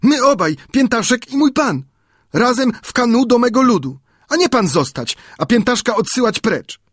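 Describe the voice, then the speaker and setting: A man's voice: extremely high pitch, sing-song, normal speed, fairly bright tone, slightly rough, dry recording, clean studio sound, voice pushed up, heavily acted. A man voicing an earnest, devoted young islander man who speaks in broken, pleading phrases in an audiobook. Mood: eager. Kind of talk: audiobook character voice.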